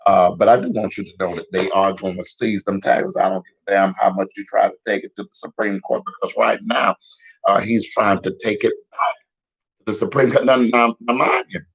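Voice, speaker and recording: A man giving casual, profane news commentary in a heated, repetitive rant, a little hoarse. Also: lowish voice, fairly bright tone, rough recording. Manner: profane, heated, repetitive, laughs at own jokes. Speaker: vlogger giving street-style news commentary.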